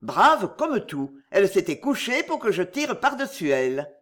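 A reader doing a blunt country gamekeeper, rough and plain-spoken. His voice climbs and dips a lot as he tells it, in the manner of an audiobook character. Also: sits high, very animated, a little slow, a bit bright, heavily acted. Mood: urgent. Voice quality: rural working-class speech. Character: rustic male gamekeeper, shaken and blunt.

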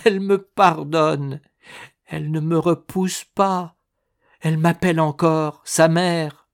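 A man's voice: on the high side, steady tone, slow pace, voice pushed up. A man reading a storybook aloud and voicing an anguished, guilt-ridden old woman as she confesses. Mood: overjoyed.

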